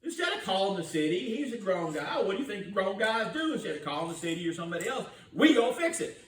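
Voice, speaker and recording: Preaching with a folksy storyteller's touch, this older male pastor keeps asking the congregation questions from the church sanctuary. He speaks fast in a high, very animated voice, captured from a distance in a roomy church recording.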